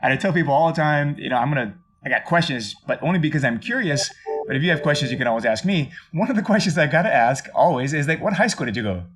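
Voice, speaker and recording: A man's voice: fairly high pitch, expressive, fast, fairly bright tone. A man hosting a casual live stream from his home office, chatty and rambling, laughing often. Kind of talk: casual chat.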